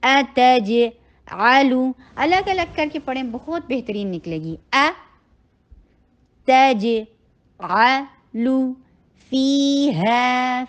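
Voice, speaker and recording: A high-pitched woman gives a tajweed lesson in a step-by-step instructive manner, drawing each word out slowly before briskly explaining how to form it. The recording sounds dull and lo-fi. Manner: recites words very slowly and stretched, then explains briskly; instructive, gives step-by-step mouth and throat directions. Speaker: Quran recitation teacher.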